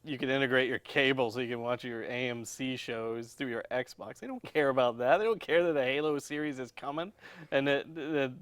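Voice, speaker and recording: Brief: young male co-host, curt deadpan replies, dry close recording. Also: medium pitch, fairly quick, no room sound. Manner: blunt, curt, deadpan answers. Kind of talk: casual chat.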